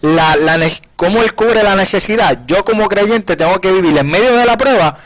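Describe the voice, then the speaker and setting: Earnest higher-voiced man teaching scripture. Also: normal speed, a bit bright, low-quality recording. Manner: earnest, retells scripture in quoted dialogue, frequent restarts. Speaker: preacher on a Bible study program. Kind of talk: conversational Bible teaching. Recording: radio program broadcast.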